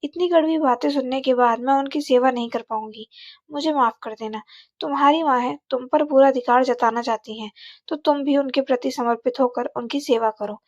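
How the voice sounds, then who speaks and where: A woman's voice: high voice, moderate pace, a little mellow, dry recording, lightly acted. A woman doing a hurt young wife. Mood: indignant. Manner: pleading, indignant. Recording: slightly dull, dry recording.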